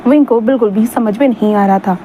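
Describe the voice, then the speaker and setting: Casual female storyteller, high voice, chatty fillers, faint background hum. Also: a little fast, dark tone. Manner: chatty, repeats filler words. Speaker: fan fiction narrator. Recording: dull lo-fi sound, faint hum.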